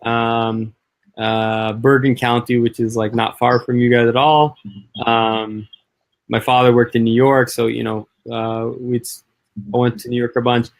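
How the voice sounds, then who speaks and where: A man who grew up in the northeastern United States, talking as a guest in a casual conversation. He speaks quickly and chattily, with plenty of "like" and "you know.". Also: mid-range voice, level tone.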